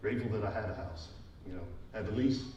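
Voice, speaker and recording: A man's voice: lowish voice, fast talker, warm tone, dull audio. A man in his thirties telling his life story to a live audience in a casual, self-deprecating way with many fillers, a little out of breath. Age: 30s. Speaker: speaker at a business event. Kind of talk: personal testimony talk to a live audience. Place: large event hall with a live audience. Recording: echoey hall, mic far off, crowd noise.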